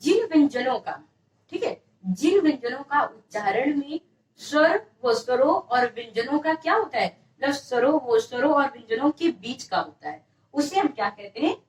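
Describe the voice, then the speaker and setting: A woman's voice: sits high, big pitch swings, normal speed, echoey room, distant mic, low-quality recording. A woman teaching an exam-prep grammar lesson, repeating each question and answering it herself.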